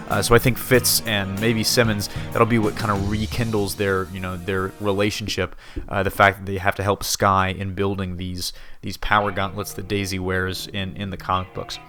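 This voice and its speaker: A man hosting a casual, conversational review, his mouth swollen and a little woozy after having his wisdom teeth out. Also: lowish voice. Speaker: host of a TV episode review show.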